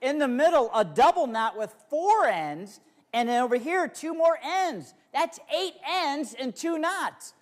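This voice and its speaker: A man's voice: very high-pitched, sing-song, measured pace. A man performing as a comedy magician for children, with playful, coaxing showman's patter in simple phrases to young volunteers and the audience. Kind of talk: live stage show patter for kids, talking to volunteers and audience.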